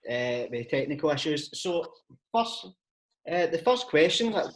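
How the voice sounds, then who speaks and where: A man's voice: on the high side, sing-song, measured pace. A Scottish man interviewing in a casual, chummy and informal way, swearing now and then. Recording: clearly noisy background.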